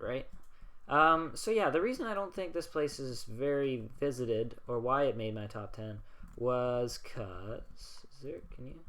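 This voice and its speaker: A man's voice: medium pitch, a bit bright. A young man giving rambling, chatty gameplay commentary as a gaming channel host, full of fillers. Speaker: gaming YouTuber.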